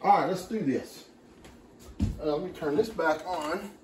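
The host of a casual home cooking video, a man whose voice sits on the high side, talks in an unhurried way, joking around and using pet names while he cooks. He's filmed in an indoor home kitchen by a counter camera a few feet away; the room sounds roomy, with some background noise.

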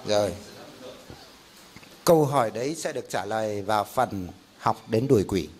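A man's voice: fairly low pitch, expressive, moderate pace, darkish tone. A middle-aged man, a pastor teaching a Bible class in a conversational style, explaining with examples and rhetorical questions.

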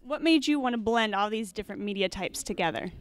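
A woman's voice: mid-range voice, animated, fast talker. Woman, twenties, red carpet host, polite questions, handheld mic. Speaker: festival interviewer. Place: festival press wall, indoors.

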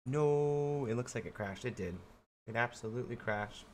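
A man streaming a horror game live, chatty and excitable, laughing often and greeting viewers by name. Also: medium pitch, normal speed, slight background noise. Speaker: gaming streamer. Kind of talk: live-stream gameplay commentary.

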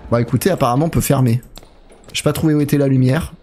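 A man's voice: medium pitch, fast, over music. A young man casually commenting as he plays a horror game and thanks his viewers by name. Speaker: let's play streamer.

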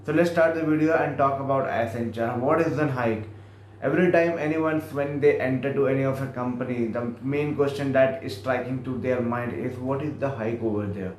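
A man's voice: medium pitch, moderate pace, roomy sound, a little hiss or hum, low-quality recording. A young man with an Indian English accent giving rambling, repetitive career advice to the camera in a small office room, slipping in Hindi phrases. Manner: rambling, repeats himself, mixes in Hindi phrases. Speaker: career vlogger. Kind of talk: casual career advice monologue.

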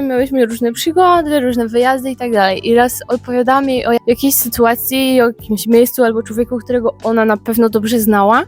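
A young woman from Poland talks to her viewers in a bright, fairly high voice, telling stories with lively expression. Soft music plays faintly underneath. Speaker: vlogger. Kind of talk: casual talk to camera.

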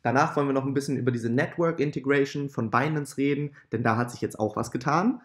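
A man's voice: mid-range voice, fast. Man host with poor-quality audio. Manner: chatty, many filler sounds, apologetic asides. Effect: poor-quality audio from a makeshift mic. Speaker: gaming channel host. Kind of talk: casual news chat. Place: at his parents' home. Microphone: not his usual microphone.

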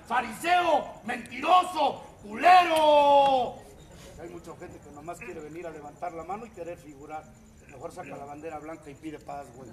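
High, bright foul-mouthed Mexican man. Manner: foul-mouthed, swings between low mutters and loud shouted rants. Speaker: speaker at a recovery group meeting. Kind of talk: comedic profane recovery-meeting testimony.

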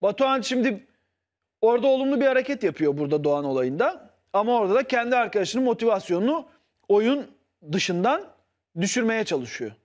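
A man's voice: high voice, very animated, brisk, darkish tone. A man on a TV panel show, arguing his point insistently and appealing to the viewers. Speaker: studio panelist. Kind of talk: heated TV panel debate.

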